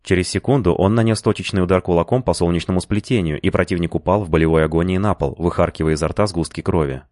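A man narrating a first-person story in a steady, even storytelling manner. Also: low-pitched, fast talker, no room sound, clean studio sound. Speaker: audiobook narrator.

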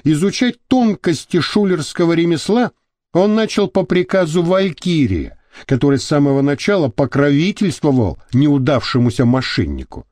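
A man narrating an audiobook in a lively, expressive way. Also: a little high, normal speed, no room sound. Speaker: audiobook reader. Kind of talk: scripted narration.

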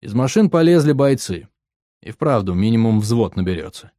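A man narrating an audiobook in the first person, matter-of-fact and even. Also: medium pitch, moderate pace, dry recording, clean studio sound.

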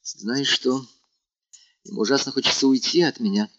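A male reader voicing an anxious young woman in love, hushed and urgent, in an audiobook. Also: a little high, brisk, dry recording. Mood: worried whisper. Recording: dull, lo-fi sound.

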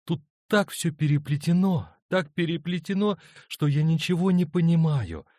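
A man's voice: fairly high pitch, lively intonation, moderate pace, darkish tone, no room sound, clean studio sound, pitched above the performer's own voice, natural voice. A man doing a torn, tender young wife. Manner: emotional, pleading, hesitant. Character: young married woman, torn between two loves, tender.

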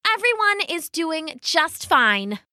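A woman's voice: very animated, bright, forceful tone, dry recording, clean studio sound, full character voice. A woman voicing a skeptical warty female frog who answers in a sarcastic, raised voice. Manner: sarcastic, quick and high.

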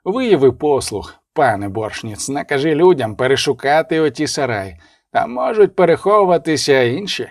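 A man's voice: on the high side, very animated, moderate pace, no room sound, clean studio sound. A man doing an imperious, haughty duke. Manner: imperious, commanding. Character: haughty middle-aged duke, commanding. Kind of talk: audiobook character reading.

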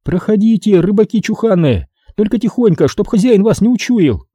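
A man's voice: sits high, lively intonation, moderate pace, warm tone, slightly rough, no room sound, pitched above the performer's own voice. A man voicing a stout, wary rural woman who talks in folksy village speech, scolding and fussing.

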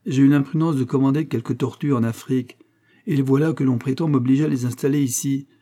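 A man's voice: medium pitch, fairly even intonation, quick pace, warm tone, pitched above the performer's own voice, natural voice. A man reading an audiobook and voicing a fretful, whimpering male butler who pleads and frets. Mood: plaintive. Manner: plaintive and pleading.

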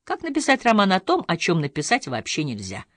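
A woman narrating an audiobook of literary essays in a measured, expressive reading. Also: lowish voice, dry recording, studio quality.

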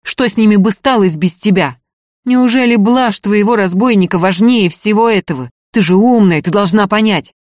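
A stern, earnest male doctor, voiced by a woman reader, firm and insistent as he presses his point. He sounds louder and a little higher than the plain narration, and the dry close recording keeps him right at the ear. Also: expressive, unhurried, no echo.

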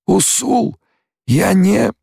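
A man straining high as an anguished desert warrior chief. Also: animated, drawn-out words, creaky, mellow, husky, dry recording, studio quality, full character voice.

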